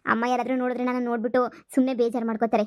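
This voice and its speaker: A woman voicing a kind-hearted young woman who talks in a hushed, scolding, urgent way in a cartoon comedy. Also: a little high, little pitch movement, rapid-fire, dry recording, studio quality, lightly acted. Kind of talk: cartoon voice acting.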